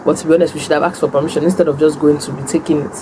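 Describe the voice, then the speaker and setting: A young woman with a Nigerian accent and a low-pitched voice talks as she eats. She tells stories and answers questions in a casual mukbang style. A clear background noise, like an air-conditioning hum, runs under her voice. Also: flat delivery, rapid-fire. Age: young adult. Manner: talks while eating. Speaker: food vlogger and host.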